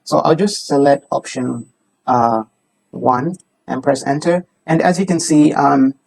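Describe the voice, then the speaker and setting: A young man from Kenya, a student, calmly explaining code while running a debugger. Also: medium pitch, unhurried, vocal fry, low-quality recording. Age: young adult. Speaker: student presenter. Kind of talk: class project presentation.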